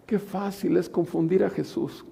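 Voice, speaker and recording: A Mexican man, a pastor, delivering a sermon in a slow, gravelly voice. His tone is mellow and dark, and he builds emphasis through repeated phrases. The sound carries the long reverb of a church hall. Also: high voice, fairly even intonation. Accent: Mexican Spanish. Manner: preaching with rising, emphatic repetitions.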